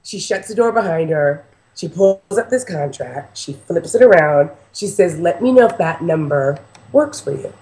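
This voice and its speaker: A woman in her forties excitedly telling a personal story to a host, emphatic and chatty, full of "like". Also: low voice, moderate pace. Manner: animated, emphatic, heavy use of "like".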